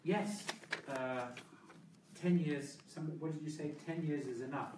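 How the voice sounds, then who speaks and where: A man talking briskly on a discussion panel, peppering his points with casual asides. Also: a little high, a little mellow. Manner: brisk, informal, many "you know" asides. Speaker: panel speaker. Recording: roomy hall, distant mic, noise.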